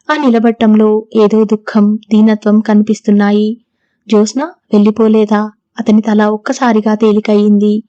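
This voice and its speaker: Steady woman audiobook narrator. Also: mid-range voice, dry recording, highs cut off. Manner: steady, even storytelling. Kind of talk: scripted novel narration.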